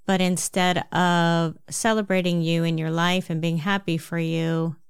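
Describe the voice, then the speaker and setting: A woman with a New Jersey accent giving a calm, measured self-help talk, explaining things step by step. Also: fairly low pitch, creaky, clear, resonant tone, no room sound, clean studio sound.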